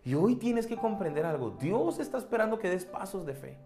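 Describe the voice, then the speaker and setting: A man's voice: sits high, very animated, a little fast, mellow, faint music behind. A man, a pastor, preaching a sermon and telling a personal story in an earnest way, repeating key phrases.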